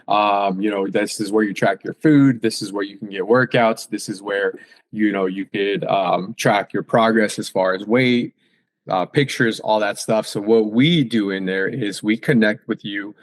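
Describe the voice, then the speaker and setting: Guy fitness coach chatting on a podcast, lowish voice, keeps saying right?, dry close sound. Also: steady tone, measured pace, no room sound. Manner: casual, emphatic, many fillers and "right?" tags. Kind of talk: casual podcast conversation.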